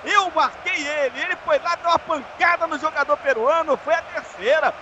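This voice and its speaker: High-voiced Brazilian man calling football. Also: normal speed. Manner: colloquial, animated play-calling. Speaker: football play-by-play commentator. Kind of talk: live radio football commentary. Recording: dull, lo-fi sound with faint noise.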